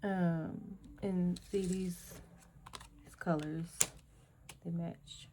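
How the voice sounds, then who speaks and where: A woman doing a spiritual energy reading, her voice lowish and mellow. She talks slowly and haltingly, dropping single words between pauses and fillers, and keeps clearing her throat as her voice gives out. A faint hiss sits under her voice. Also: steady tone. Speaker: energy reader.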